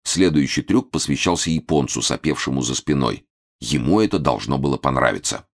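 A man reading an audiobook in an expressive scripted narration. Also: extremely low pitch, brisk.

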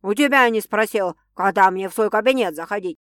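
A woman's voice: medium pitch, brisk, fairly bright tone, no echo, clean studio sound, natural voice. A woman voicing an angry, rude male film producer who barks insults, in an audiobook. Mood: snarling angry. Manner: snarling, insulting, barking.

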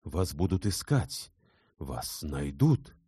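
A man voicing an anxious, gentle young man who urgently reassures a distraught woman. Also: extremely low pitch, sing-song, slow pace, breathy edge, no room sound, studio quality, heavily acted.

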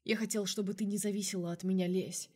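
A remorseful young man pleads softly and earnestly in an audiobook, read by a woman. His tone is tender and low-key, sitting at a middle pitch with no strain. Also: fairly even intonation, fast, lightly acted. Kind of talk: audiobook character reading.

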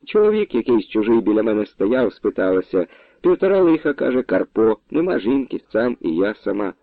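A man's voice: lowish voice, very animated, brisk, gravelly, dry recording, exaggerated voice. A man voicing a bold, forthright young village woman in an audiobook, speaking in a direct, homely way. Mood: frank. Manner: direct, homely, plain-spoken. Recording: dry, tinny phone-like sound.

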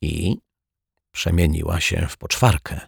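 A man voicing a kindly detective who talks calmly and with quiet amusement. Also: deep voice, a little slow, gravelly, husky, dry recording, studio quality, heavily acted. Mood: amused. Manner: calm, gently amused. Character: kindly amused male detective, gentle and patient.

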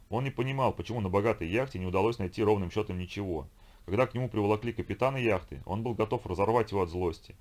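Fast-reading low-voiced male narrator. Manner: brisk, even storytelling. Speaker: audiobook reader. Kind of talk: scripted narration.

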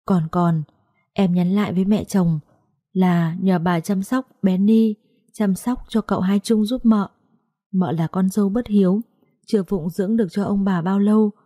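A woman's voice: mid-range voice, dark tone, no echo, studio quality, lightly acted. A woman voicing the ghost of a young mother who speaks through a medium in choked, sobbing pleas.

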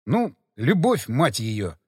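A man's voice: medium pitch, sing-song, slow pace, a little mellow, breathy edge, no room sound, pitched below the performer's own voice, exaggerated voice. A man voicing a tired, wry young man who sighs through his words, in a dry close recording. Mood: weary, wry. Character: weary, lovesick, hungover young man.

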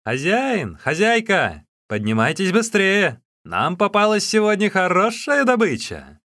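A man voicing coarse bandit henchmen in an audiobook, with a raised, excited, shouting delivery. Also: sits high, unhurried, no echo, clean studio sound, pitched above the performer's own voice, full character voice. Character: rough loud male bandit henchmen.

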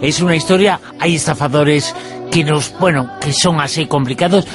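A man's voice: fairly high pitch, moderate pace, music in the background. A man with a Spanish accent from Spain, hosting a radio interview in a discursive way with frequent fillers. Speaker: radio host.

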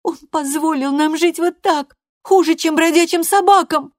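A woman voicing a furious, defiant teenage girl who shouts bitter accusations. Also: mid-range voice, little pitch movement, normal speed, no room sound, clean studio sound, pitched above the performer's own voice, close to an everyday voice.

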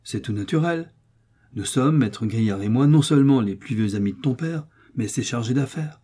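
An older notary, fatherly on the surface and unyielding underneath, read by a man. He coaxes with a kindly manner while dodging every demand. The voice is mellow and husky. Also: medium pitch, lively intonation, moderate pace. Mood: reassuring. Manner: soothing then firmly refusing. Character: older male notary, smooth and evasive.

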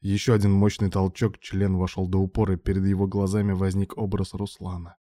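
A man narrating an audiobook in a steady, even storytelling manner on a close mic. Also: low-pitched, brisk, dry recording. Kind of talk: scripted narration.

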